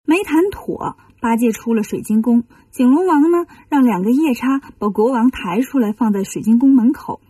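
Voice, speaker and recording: Higher-pitched breathy woman telling kids' stories. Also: lively intonation, moderate pace, hardly any pauses, mellow, no echo, far from the mic. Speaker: children's storyteller. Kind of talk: storytelling for children.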